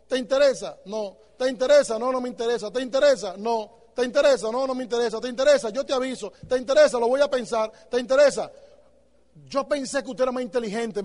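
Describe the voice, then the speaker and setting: A man gives an emphatic motivational talk in a very high voice. He talks fast and keeps throwing rhetorical questions at the listener. His voice carries a long reverb from a large hall. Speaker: motivational speaker.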